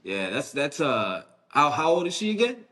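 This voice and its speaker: A man's voice: fairly high pitch, big pitch swings, normal speed, pushed and bright. A man hosting a podcast interview in a casual, slangy way, often repeating words and restarting his sentences. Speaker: podcast host.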